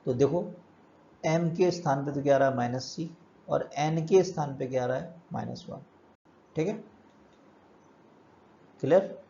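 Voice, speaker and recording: A male physics teacher gives a step-by-step classroom lecture, posing questions and answering them himself as he works through problems. His voice is a little high and warm, at a measured pace with long pauses, and the audio is dull with a little hiss or hum.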